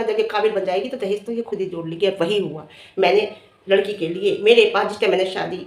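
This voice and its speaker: A woman's voice: medium pitch, a little mellow. A middle-aged woman vlogger who scolds and taunts a rival directly in a confrontational rant. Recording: echoey room.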